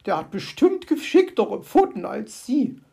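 A woman voicing a prim, touchy female magpie in a storybook audio play, scolding and indignant in a husky, gravelly voice. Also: big pitch swings, a little slow, warm tone, exaggerated voice. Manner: indignant, scolding, shrill outbursts.

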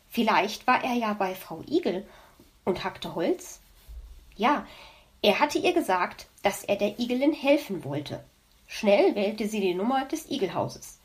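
A woman narrating a children's storybook in an expressive, lively way. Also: medium pitch.

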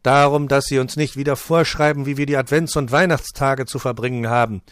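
A man's voice: medium pitch, moderate pace, a little mellow, dry recording, studio quality, pitched above the performer's own voice, close to an everyday voice. A man reading aloud voices Albert, a large, stubborn old man in a care home who speaks firmly. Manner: firm and unwavering.

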